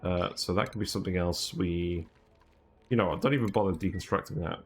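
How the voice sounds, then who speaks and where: Man, deeper voice, casual gaming stream talk, thinks aloud, faint music behind. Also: fairly quick. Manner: rambling, thinks aloud with fillers and small laughs. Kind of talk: casual gameplay commentary.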